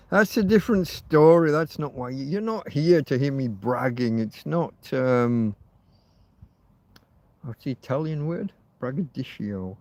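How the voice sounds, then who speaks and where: Out in a field, a man in his fifties hosts a rambling, casual livestream, speaking bluntly and swearing freely in a medium-pitched voice with a darkish tone.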